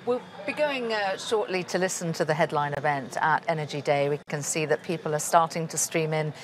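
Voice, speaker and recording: A man's voice: on the high side, a little fast, a little hiss or hum. A man presenting a live news programme, asking questions in a conversational way with tag questions and some repeated words.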